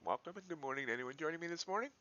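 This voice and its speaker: Talking very fast in an animated, pushed, bright voice that sits a little high, a man hosts a live futures trading stream. He thinks aloud with casual, folksy remarks over dull, lo-fi livestream audio.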